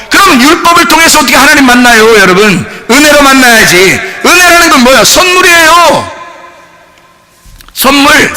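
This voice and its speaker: A male pastor preaching a Sunday sermon, firing questions at the congregation and swinging from shouts to hushed tones. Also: very high-pitched.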